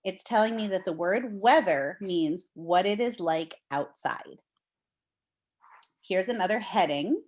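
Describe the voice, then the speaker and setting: Reading aloud to young children, this teacher speaks at medium pitch with an animated delivery and a darkish tone. She keeps her explanations simple and puts deliberate expression into the reading.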